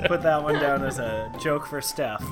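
A man playing a tabletop game, bantering casually with the group. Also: on the high side. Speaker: player.

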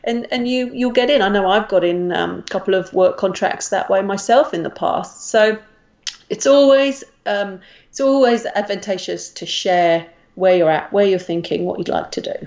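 An Australian woman talks through career advice in a relaxed podcast chat. She speaks at a middle pitch and is chatty, with frequent ums and restarts. The sound is a little dull and lo-fi. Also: moderate pace. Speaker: career coach guest. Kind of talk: podcast conversation.

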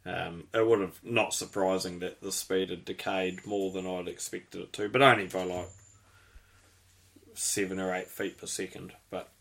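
A man's voice: low-pitched, level tone, moderate pace, gravelly, a bit bright. A man chatting casually as host, rambling through technical details and swearing now and then. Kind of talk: casual chat.

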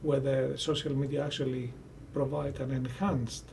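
A man from Greece with a Greek accent, answering as an academic in an interview, deliberate and often searching for words. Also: medium pitch, level tone, vocal fry, a little mellow. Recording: distant mic with faint background noise.

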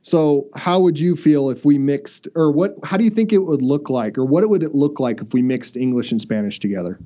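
A man hosts a relaxed podcast chat and talks in a loose, rambling way, often restarting his sentences. His voice is mellow and dark. The audio is dull and lo-fi. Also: fairly high pitch, fairly quick. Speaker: podcast host.

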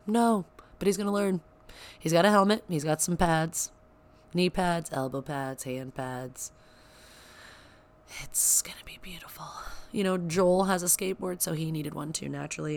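Low, gravelly-voiced woman chatting excitedly. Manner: chatty, excitable, rambling with asides. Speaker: podcast host. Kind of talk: casual solo podcast chat. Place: home, child playing upstairs. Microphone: sensitive podcast microphone.

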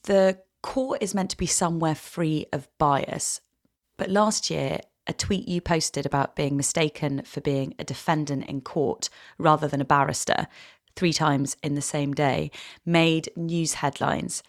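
A woman presents as a podcast interviewer. Her voice sits a little low, and she delivers prepared introductions and questions in a measured, articulate manner. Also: fairly even intonation.

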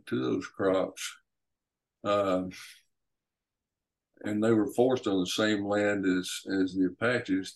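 This guest is a man and an author who tells history without a script. His delivery is slow and careful, broken up often by pauses and hesitant moments, and his voice is somewhat low with a gravelly texture.

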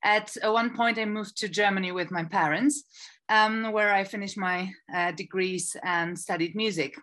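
A woman's voice: medium pitch, fairly even intonation, normal speed, pushed and bright. A young woman from Poland, answering interview questions hesitantly, with many ums and restarts. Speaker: guest, artist coordinator.

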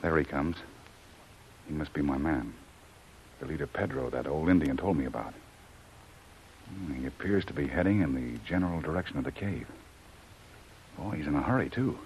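Jungle Jim, a deep-voiced hero. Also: male voice, normal speed, long pauses. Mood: watchful. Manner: muttering to himself, excited. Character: bold adventurous male jungle hero. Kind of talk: 1930s radio drama acting. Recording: dull old radio with hiss and crowd noise.

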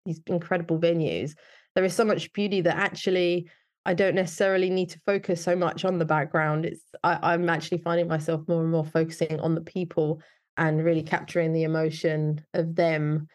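Speaking fairly quickly in a deep, darkish, flat voice, a woman from the UK talks as a guest in an interview about her work as a wedding photographer. She's chatty and informal, sprinkling in lots of "like" and "you know."

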